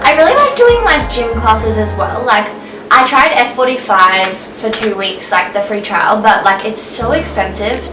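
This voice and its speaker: A woman's voice: fairly high pitch, lively intonation, normal speed. A young Australian woman in her twenties, chatting casually as a vlog co-host, filling her talk with "like". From northern New South Wales, Australia. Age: 20s. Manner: chatty, full of "like" fillers. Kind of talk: casual chat. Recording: roomy sound, mic at a distance, music under.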